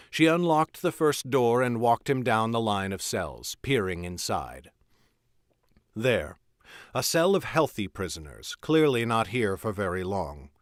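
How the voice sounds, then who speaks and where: A man reading his own fantasy novel aloud in an expressive storytelling manner. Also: fairly low pitch, dry recording, clean studio sound.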